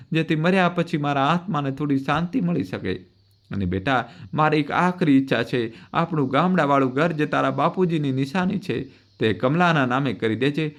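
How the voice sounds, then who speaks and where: A man reading the farewell letter of a dying old mother in a tender, pleading tone. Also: on the high side. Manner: tender, pleading, gently reproachful.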